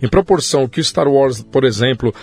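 A man chatting as a podcast guest, animated and swearing freely, his pitch jumping up when he stresses a point. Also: fairly quick, breathy edge. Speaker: guest, musician and writer. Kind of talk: casual podcast chat.

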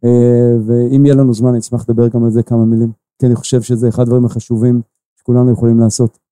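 A man in his forties with an Israeli accent, an investor answering interview questions slowly, with many filler pauses. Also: mid-range voice, little pitch movement, warm tone, clean tone, dry recording. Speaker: investor guest.

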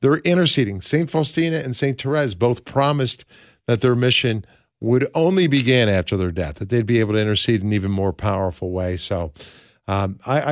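A man hosting a radio show in a studio, talking in a smooth, earnest, conversational way with many fillers as he leads prayer. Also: mid-range voice, no echo. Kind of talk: smooth radio host talk, leading prayer.

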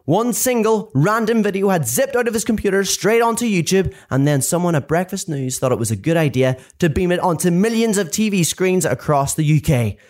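A man reading his own book aloud in lively, animated storytelling. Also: sits high, brisk, few pauses. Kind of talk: expressive audiobook narration.

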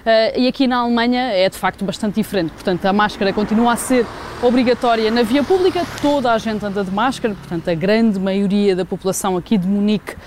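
A woman's voice: medium pitch, fast, darkish tone. Sports reporter, woman, European Portuguese accent. Live, unscripted updates with mid-phrase hesitations, slight ambient noise. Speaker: sports journalist, special correspondent. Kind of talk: live spoken report, semi-spontaneous.

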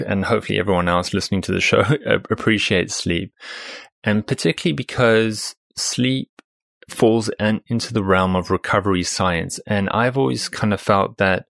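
A man hosting a podcast, introducing a guest and asking questions in a casual, halting way with restarts. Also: fairly low pitch, gravelly, fairly bright tone, no echo, studio quality. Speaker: podcast host. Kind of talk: podcast interview.

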